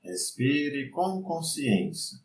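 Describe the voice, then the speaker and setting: A Brazilian man leads a guided breathing meditation in a calm, soothing voice of medium pitch. He speaks very slowly, leaving pauses between short instructions. The room adds noticeable echo to his words. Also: recorded from a distance. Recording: roomy echo, faint background noise.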